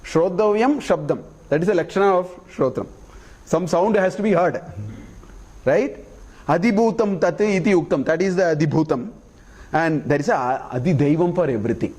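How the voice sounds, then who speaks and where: A man teaches a scripture class in a fairly high voice. He recites Sanskrit verses slowly and deliberately, then unpacks each one plainly for his listeners, often pausing to ask "okay?" before he moves on. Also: a little mellow. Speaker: Vedanta teacher.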